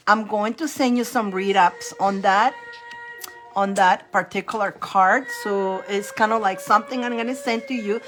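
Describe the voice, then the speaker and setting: A bubbly, giggly woman hosting a tarot livestream, chatting casually with her viewers. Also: fairly high pitch. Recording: light music in the background. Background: background music.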